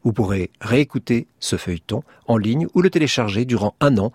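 A man presenting an archive radio programme with measured, literary phrasing. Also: medium pitch, expressive, a little mellow, slightly rough, no room sound.

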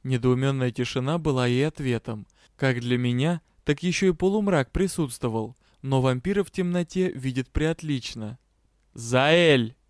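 Smooth-voiced man reading a story. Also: mid-range voice, no room sound, studio quality. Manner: lively, expressive reading. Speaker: audiobook reader. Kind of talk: scripted narration.

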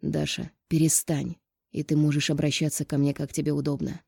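A woman voicing a gentle, guilty man who speaks in a hushed, hoarse near-whisper. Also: low-pitched, flat delivery, brisk, no room sound, studio quality, exaggerated voice. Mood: soothing.

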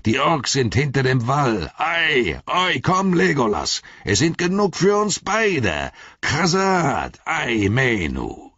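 A man's voice: low voice, big pitch swings, moderate pace, a bit bright, slightly rough, no room sound, muffled recording, exaggerated voice. A man voicing a fierce, boastful male dwarf warrior who bellows war cries, in an audiobook reading. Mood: fierce shouting.

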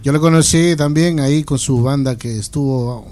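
A man hosting a casual metal radio interview, relaxed and chatty, laughing easily. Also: mid-range voice, moderate pace. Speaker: radio show host.

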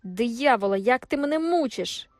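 A woman's voice: lively intonation, quick pace, a little mellow, dry recording, close to an everyday voice. A woman voicing an agitated, jealous middle-aged farmer in an audiobook, pleading and strained. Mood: anguished. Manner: pleading, strained, high-pitched outbursts. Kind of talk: audiobook character voice.

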